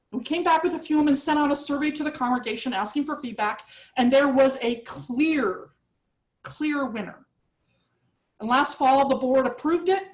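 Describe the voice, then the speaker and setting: A woman minister giving a sermon in a lively, chatty and enthusiastic way. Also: high-pitched.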